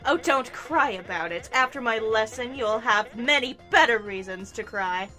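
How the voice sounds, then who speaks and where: A smug female villain, taunting in a theatrical, condescending way, as a woman reads her lines aloud. The voice sits high and swings widely in pitch, and it has a bright edge. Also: lively intonation, moderate pace, faint music behind. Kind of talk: reading game dialogue aloud.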